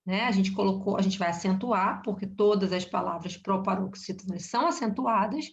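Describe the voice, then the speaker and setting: A woman with a Brazilian Portuguese accent walks through a grammar lesson, explaining each point carefully. She keeps checking in with her listeners through little tag questions. Her voice sits at a medium pitch, heard through a somewhat muffled, lo-fi recording. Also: moderate pace, vocal fry. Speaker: teacher. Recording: dull lo-fi recording.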